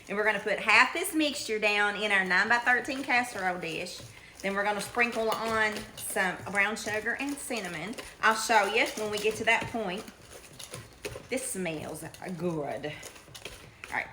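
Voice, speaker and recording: A woman's voice: medium pitch, sharp tone. A middle-aged woman with a Kentucky accent, chatting in a folksy, homespun way as she demonstrates home cooking. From Kentucky, United States. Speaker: home cook presenting a recipe. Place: home kitchen, indoors. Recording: echoey room with faint noise.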